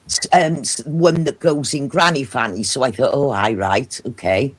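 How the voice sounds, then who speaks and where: A man's voice: mid-range voice, moderate pace, husky. A man from Cardiff with a Welsh accent, chatting casually on a stream and swearing freely. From Wales. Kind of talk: casual chat.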